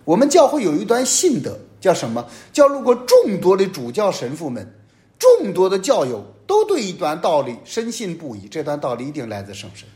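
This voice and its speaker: Male priest, fairly high voice, very animated delivery, emphatic homily with loud peaks and hushed drops. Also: normal speed. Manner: emphatic preaching, sweeping rises and drops in pitch and loudness.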